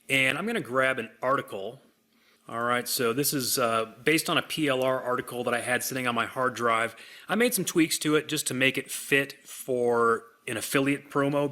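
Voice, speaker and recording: A man hosting a software demonstration, walking through it in an upbeat sales manner. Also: mid-range voice. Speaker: software demo host. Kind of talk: product demonstration.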